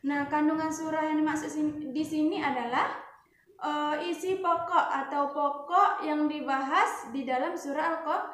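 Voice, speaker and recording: A woman teacher giving an online lesson to children. She talks in a motherly way, with many fillers and self-corrections, and chants Quran verses slowly. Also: sits high, steady tone, fairly bright tone, reverberant. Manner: motherly, addresses the children as "Nak".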